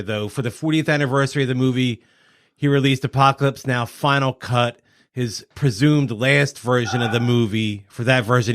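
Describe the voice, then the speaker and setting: A man's voice: medium pitch, no echo, studio quality. A man hosting a podcast, introducing the pick and reading off movie facts from his notes in casual chat. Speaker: podcast host.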